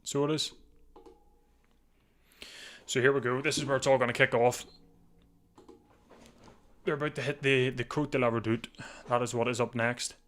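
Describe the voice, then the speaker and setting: A man talks through a race on a live stream, slightly hoarse, with a middle-pitched voice. He rambles loosely, stumbles over repeated words and clears his throat now and then, close to a desk mic at home. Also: fairly even intonation, normal speed, long pauses, a bit bright. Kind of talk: casual live race watchalong commentary.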